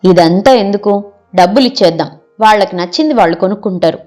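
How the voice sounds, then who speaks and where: Soft music plays as a woman, with a quick pace and a darkish medium-pitched natural voice, reads a middle-aged husband's lines in an audio story. Proud and easily exasperated, he coaxes eagerly, proposing gift ideas one after another.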